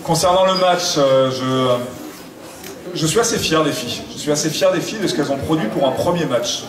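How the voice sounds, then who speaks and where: A man's voice: fairly high pitch, normal speed. A man speaking as a coach, giving a post-match analysis to listeners. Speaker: basketball coach. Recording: echoey hall, distant mic, crowd noise.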